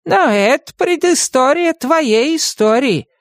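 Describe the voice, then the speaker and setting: A man's voice: sits high, huge pitch swings, slow, gravelly, dry recording, studio quality, pitched above the performer's own voice, heavily acted. A man doing a wry old ghost grandmother. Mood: stern. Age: over 60. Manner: wry, stern, schoolmarmish.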